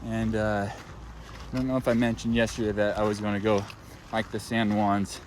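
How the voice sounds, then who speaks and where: A thru-hiker vlogger narrates casually to his camera while hiking a mountain trail, his lowish voice at a moderate pace and a little out of breath. He's relaxed and rambling, full of fillers, with light rain, wind and hail around him outdoors.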